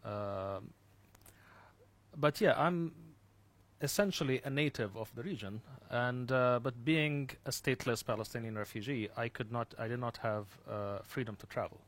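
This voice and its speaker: A man from the Gulf region, a guest speaker recounting his experience thoughtfully, with many fillers and restarts that trail off quietly. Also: mid-range voice, normal speed. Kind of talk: personal account in an interview.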